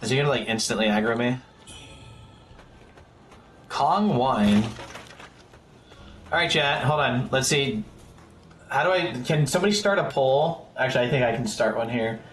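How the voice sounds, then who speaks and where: A man in his thirties streams a game and talks loosely to his chat in an easygoing, rambling way. His pitch sits in an ordinary middle range. A faint hiss of noise runs under his voice. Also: animated, moderate pace, pauses often, reverberant. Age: 30s. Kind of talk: casual live gameplay commentary.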